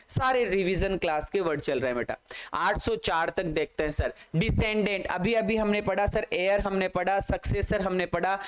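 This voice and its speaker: A man's voice: high voice, smooth, low-quality recording. A man teaching a vocabulary class, spelling words out letter by letter and calling his students "beta".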